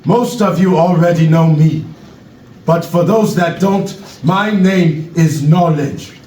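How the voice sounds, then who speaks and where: Man playing Knowledge, a slow, solemn panther orator. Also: a little high, mellow. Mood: grave, solemn. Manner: deliberate, grave oratory. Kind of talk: stage play reading, speech. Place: echoey room, away from the mic. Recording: roomy echo, distant microphone.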